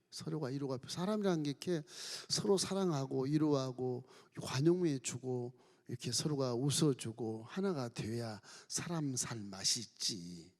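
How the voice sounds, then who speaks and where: A man's voice: mid-range voice, long reverb tail. A man preaching a sermon as a pastor, telling stories and acting out the quoted voices of the people in them. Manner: storytelling with lively acted quotes. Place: church sanctuary.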